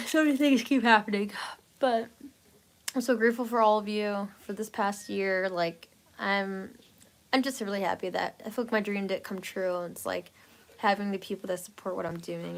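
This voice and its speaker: A woman hosting a wellness live stream, chatting casually and hesitantly with viewers, soft-spoken and relaxed, with many fillers. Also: mid-range voice, creaky.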